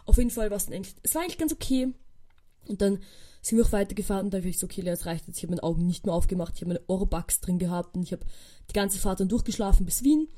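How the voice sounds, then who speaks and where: Speaking rapid-fire in a mid-range voice, a young podcast host casually recounts a story, full of fillers and animated quoted dialogue.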